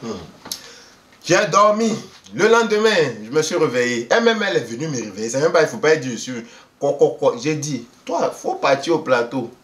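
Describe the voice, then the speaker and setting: Animated man. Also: on the high side, normal speed, recorded from a distance. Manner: lively, laughs often, acts out quoted people. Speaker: vlogger telling a travel story. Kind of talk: animated casual storytelling. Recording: roomy echo, voice away from the mic.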